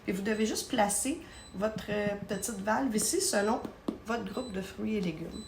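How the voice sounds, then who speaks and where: A woman's voice: medium pitch, unhurried, creaky, background noise. A woman with a Québécois French accent, chatting casually through a live product demonstration in her home kitchen, recorded on a phone, sometimes stumbling over her words.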